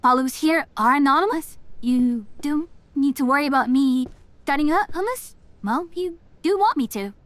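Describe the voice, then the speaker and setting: A woman plays a game on a livestream, chatting casually as a cute, anime-style witch character who reads titles out loud and murmurs responses to them. She speaks at a moderate pace in a high, animated, fairly bright voice, with no echo.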